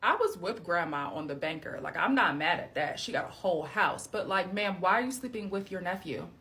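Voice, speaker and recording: A woman's voice: medium pitch, a bit bright. An American woman hosting a gossipy storytime, talking in a sassy, conversational, slangy way with casual swearing. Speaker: host reading out listener-submitted family stories.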